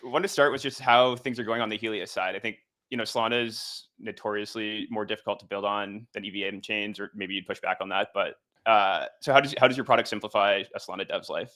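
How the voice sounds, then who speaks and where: Male host, easygoing questions, bright forceful voice. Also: fairly low pitch, fast. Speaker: show host. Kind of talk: casual interview.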